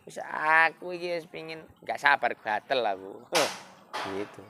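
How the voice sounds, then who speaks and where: A man's voice: a little high, expressive, a little slow, voice pushed up, heavily acted. A man playing furious Umar, tinged. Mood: eager. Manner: shouting, fuming, repeating curses.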